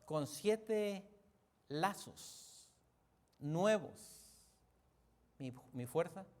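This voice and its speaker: A man preacher voicing a strong man confiding a lie in a sermon retelling, in a low, confiding tone. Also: lively intonation, extremely slow, full character voice. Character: strong man boasting, then lying to his lover.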